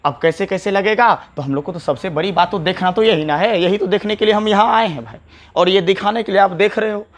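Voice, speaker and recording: A man gives a grammar lesson in a high, bright voice. He repeats key words over and over and keeps asking his students questions. He speaks as a teacher working at a whiteboard. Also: a little fast. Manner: explains, repeats words, asks rhetorical questions. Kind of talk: classroom lecture to camera. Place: classroom with a whiteboard.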